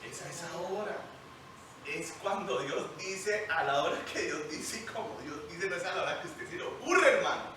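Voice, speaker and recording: A man preaching a lively, joking sermon, asking the congregation questions. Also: sits high, normal speed, noisy background. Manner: jokey, animated, asks the congregation questions. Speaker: pastor. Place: church hall. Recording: echoey church hall, mic at a distance.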